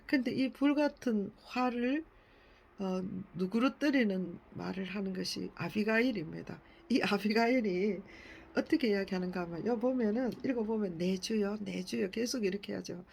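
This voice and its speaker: Woman reading scripture aloud with commentary. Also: medium pitch. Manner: careful reading with frequent self-corrections; gently explanatory and admiring. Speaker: Bible reading leader.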